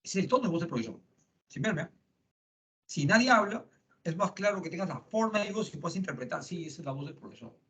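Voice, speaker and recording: A man's voice: high-pitched, expressive, fast, a bit bright. A middle-aged man giving a psychology lecture in a classroom, conversational and full of tag questions. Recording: lo-fi classroom recording.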